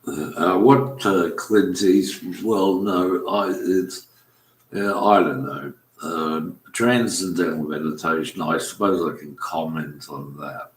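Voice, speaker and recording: Man, deep bass, slow halting monologue, roomy echo. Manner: halting, many fillers and restarts. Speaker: commentator. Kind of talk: rambling spoken monologue. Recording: echoey room.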